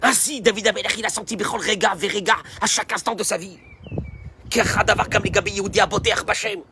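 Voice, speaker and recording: A man giving a sermon as a rabbi, animated and emphatic and speaking straight to his listeners. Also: high-pitched, fast talker, slight background noise.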